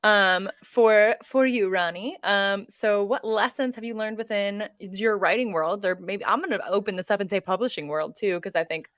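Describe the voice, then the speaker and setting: A woman hosting a casual livestream interview as a fellow author, chatty and quick to laugh as she talks. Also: medium pitch, a bit bright, no echo, clean studio sound. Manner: chatty, laughs easily while talking.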